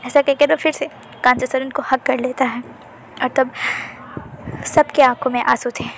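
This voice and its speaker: A woman's voice: sits high, steady tone, moderate pace, slight background noise. A woman narrating a fan fiction story emotionally, acting out its dialogue. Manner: emotional retelling with acted dialogue.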